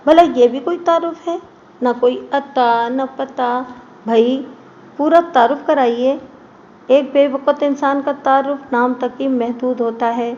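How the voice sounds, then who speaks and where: Chatty teasing young man read by a woman, high voice, slightly muffled. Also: fairly even intonation, unhurried, a little mellow, slight background noise. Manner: playful, talkative.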